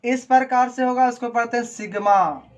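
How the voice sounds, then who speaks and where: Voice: medium pitch, muffled recording. Teacher asking and answering questions. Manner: asks the class questions, then answers them, slow and deliberate. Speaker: coaching class teacher. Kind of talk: classroom lecture, explaining physics prefixes and Greek symbols.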